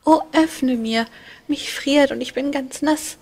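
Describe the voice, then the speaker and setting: A woman voicing a mischievous little boy, the love god Amor with his bow, in a high, loud, teasing voice for a read-aloud fairy tale. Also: slow. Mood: cheeky. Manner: boastful, teasing.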